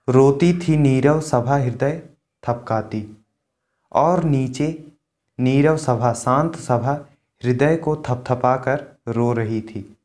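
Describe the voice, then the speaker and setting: Slow, deliberate male Hindi tutor. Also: medium pitch, a little mellow. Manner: reads a verse line, then explains it slowly in plain words. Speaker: Hindi literature teacher. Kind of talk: line-by-line poetry explanation lesson.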